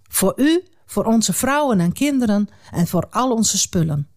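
Grown brothers pleading earnestly with their old father, slow and expressive, rising high on a key word, as a woman storyteller voices them. It stays close to a plain storytelling voice. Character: Jacob's grown sons, earnest men.

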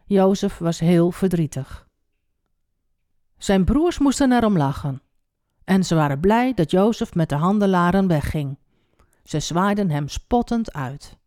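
A woman telling a Bible story to children, expressive and speaking directly to the young listener. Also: on the low side, a little slow, no room sound, clean studio sound.

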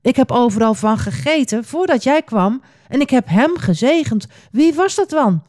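A woman's voice: mid-range voice, animated, a little slow, dark tone, lightly acted. A woman voicing an old father who trembles with shock and regret in a storybook reading. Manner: trembling, startled.

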